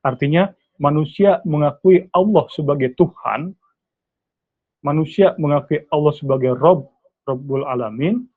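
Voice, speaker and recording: A man's voice: on the high side, a little slow, long pauses. A male Islamic studies teacher on a video call with choppy, breaking-up audio, lecturing by asking and answering his own questions. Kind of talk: online class lecture. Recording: tinny video-call line.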